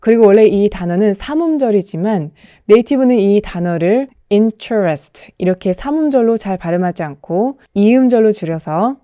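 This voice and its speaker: Slow, mellow-voiced woman teaching pronunciation. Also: medium pitch, dry recording. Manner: carefully repeats model words slowly, explains in between. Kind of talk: scripted pronunciation lesson.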